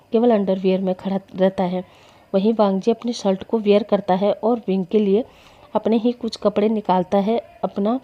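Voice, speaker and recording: A woman's voice: medium pitch, warm tone. A woman telling a story in a casual, chatty narration. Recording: dull lo-fi recording.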